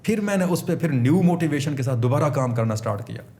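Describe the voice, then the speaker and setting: A man's voice: fairly high pitch, lively intonation, fast, mellow. A man from Pakistan, a guest on a casual interview, telling his story earnestly and using many English terms. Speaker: interview guest, online seller.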